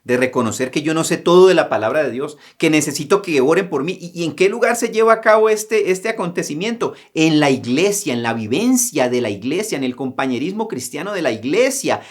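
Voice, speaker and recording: A man's voice: a little high, expressive, a little fast, few pauses. A man preaching a sermon as pastor. He asks rhetorical questions, checks in with short "mm?" and "right?" tags, and breaks into dramatic raised cries when he acts out pleas.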